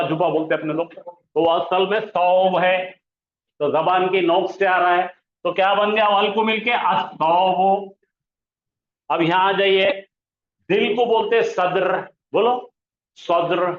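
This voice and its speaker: A man teaching an Arabic grammar lesson, asking the class questions and answering them himself, and drawing out example words slowly. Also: sits high, a bit bright, slight background noise. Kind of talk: classroom lesson explaining pronunciation. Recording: echoey room, slightly dull sound.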